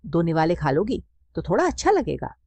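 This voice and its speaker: A woman voicing a caring middle-aged aunt who gently urges a grieving sister to eat and rest. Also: on the low side, wildly swooping pitch, brisk, no room sound, exaggerated voice. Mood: coaxing.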